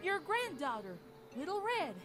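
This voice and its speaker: A scheming young pony mare in a wolf costume, voiced by a woman talks in a blustery country drawl. Her voice is high and jumps around. Music plays behind. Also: big pitch swings, normal speed. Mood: fake-sweet.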